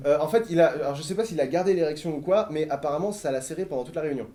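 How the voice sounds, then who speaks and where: On a convention stage before a live crowd in a hall, a game host runs a riddle game, laughing often and hesitating as he answers questions. His voice is a little high and dark in tone, and he talks in rapid-fire bursts.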